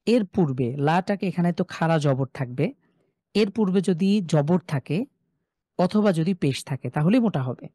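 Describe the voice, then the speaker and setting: A man teaching a live online class on Quran recitation rules, explaining each rule and then reciting examples slowly and drawn out. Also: on the high side, dark tone, dry recording, clean studio sound. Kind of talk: online tajweed lesson.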